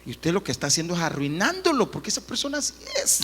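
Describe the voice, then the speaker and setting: A man preaching a sermon as pastor, earnest and animated, often breaking into acted quotes. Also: sits high, rapid-fire, breathy edge. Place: church hall. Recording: reverberant church hall.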